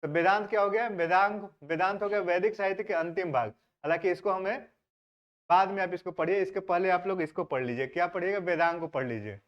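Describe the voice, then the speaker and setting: Man lecturing in a high voice. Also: quick pace. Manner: asks the class questions and answers them himself; mixes English words into the lecture. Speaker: teacher. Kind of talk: exam-prep history lecture. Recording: dull lo-fi sound.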